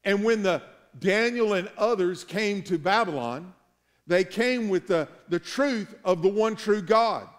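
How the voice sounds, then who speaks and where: A man's voice: sits high, lively intonation, unhurried. A middle-aged man preaching a sermon as pastor in a large church sanctuary, earnest and building to emphatic peaks.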